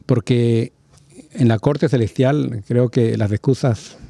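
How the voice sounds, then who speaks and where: A man's voice: medium pitch, takes it slowly, creaky, mellow, dry recording. A man in a casual religious conversation, talking reflectively with many filler tags.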